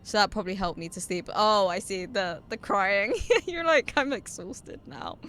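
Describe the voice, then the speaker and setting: Giggly, animated young woman streamer. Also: mid-range voice, moderate pace, a little hiss or hum. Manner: giggly, chatty, swears casually, reads out viewer messages. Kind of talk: casual live-stream chat while gaming.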